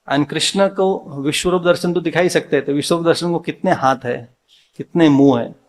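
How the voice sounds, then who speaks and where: Speaking in a slightly high, slightly mellow voice, an Indian-accented man gives a devotional Sunday sermon in a temple hall. He blends English words into his Hindi and answers the questions he puts to his audience.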